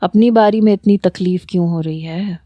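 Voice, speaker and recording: A woman's voice: on the low side, no echo, muffled recording, close to an everyday voice. A woman voicing an arrogant, rude young husband who speaks coldly and menacingly. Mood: cold contempt.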